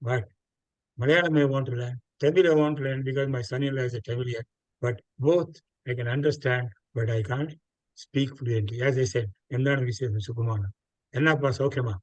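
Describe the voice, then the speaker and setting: A man's voice: medium pitch, moderate pace, darkish tone. An older man with a South Indian accent and Telugu as his native language gives reflective interview answers. He explains at length and repeats phrases for emphasis. The sound is dry, with very little room echo. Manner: expansive, explanatory, emphatic repetition. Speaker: interview guest. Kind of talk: reflective interview talk with anecdotes.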